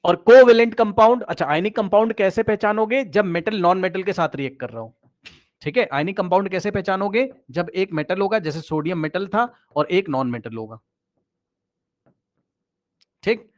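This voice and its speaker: A man teaching chemistry in a casual classroom manner, repeating key phrases and checking in with his listeners, often dropping quieter as he points at the screen. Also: high voice, expressive, moderate pace. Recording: slightly dull, lo-fi recording.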